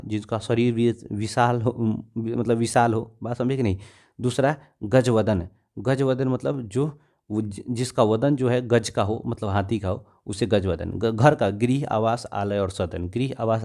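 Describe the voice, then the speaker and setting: A man's voice: medium pitch, mellow. A man with a Bihari Hindi accent teaching an exam-prep grammar lesson, repeating words and often checking whether students understood.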